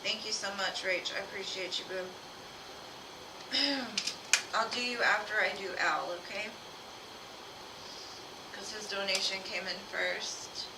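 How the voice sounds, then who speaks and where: A woman's voice: mid-range voice, fairly even intonation, slow, long pauses. A woman hosting a casual livestream, chatting familiarly with viewers, with s sounds that whistle. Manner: familiar, affectionate address to viewers. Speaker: live tarot reader and host. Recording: roomy, distant mic, clear background noise.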